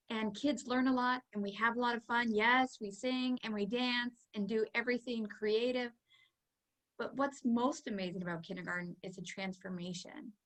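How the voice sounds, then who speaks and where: A woman's voice: medium pitch, a bit bright, rough recording. A woman from Canada, a kindergarten teacher, hosting a virtual back-to-school night for parents in a cheerful, chatty way. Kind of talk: upbeat presentation to parents.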